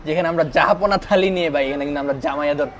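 A young man hosting a food review vlog in a restaurant, talking excitedly and emphatically, often asking "okay?". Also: fairly high pitch, rapid-fire, crowd noise. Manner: excited, emphatic, keeps asking "ঠিক আছে?". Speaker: food vlogger. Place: restaurant dining room.

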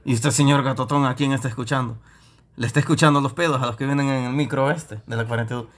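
A man's voice: mid-range voice, fairly even intonation, fast talker, fairly bright tone, lightly acted. A man playing a show host who teases and scolds his guests. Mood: mocking. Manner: teasing, mock-stern emcee. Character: gruff mocking male show host.

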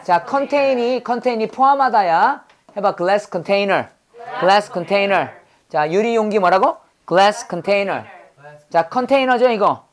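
A man's voice: high-pitched, slow. Man drilling English words in class. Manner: drills words, asks quiz questions, corrects pronunciation. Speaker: pastor teaching English vocabulary. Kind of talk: classroom lesson with call-and-response drills.

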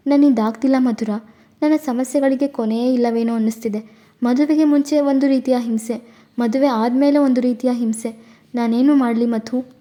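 A woman's voice: on the high side, fairly even intonation, moderate pace, dark tone, natural voice. A woman voicing a torn, tearful young woman doctor who pours out her anguish in an audio story. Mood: distraught.

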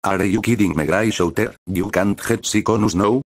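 Blunt young mage guy scolding his buddy, low-ish voice, man reading it. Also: normal speed, no echo, studio quality.

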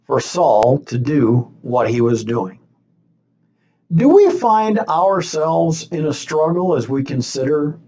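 A man in his sixties, a pastor, giving a deliberate sermon to a webcam from a small chapel set. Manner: slow, deliberate preaching with lively rising and falling pitch. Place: small chapel set with stained-glass backdrop, indoors. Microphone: webcam facing him at desk distance.

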